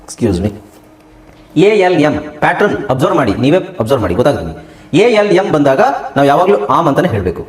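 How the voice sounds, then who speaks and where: A man's voice: medium pitch, big pitch swings, quick pace. A man teaching a spoken English lesson, drilling letters and words over and over. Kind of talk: classroom lesson. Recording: roomy echo.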